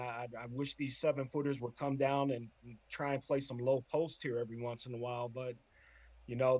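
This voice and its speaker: A man's voice: medium pitch, a little mellow, dry recording. A man guesting on a sports podcast, chatting casually and giving earnest advice, often repeating his words as he rambles.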